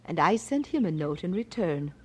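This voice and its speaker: A frail old missionary mother in her eighties fondly reminisces in a husky, expressive voice of fairly low pitch at a normal speed. Her tender, nostalgic storytelling is wistful and gently dramatic, punctuated by sighs.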